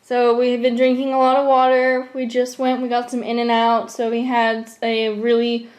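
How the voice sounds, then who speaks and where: A woman's voice: on the high side, monotone, moderate pace, a little mellow. A young adult woman with an American accent talking casually on a home vlog. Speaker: vlogger and caregiver. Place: room at home.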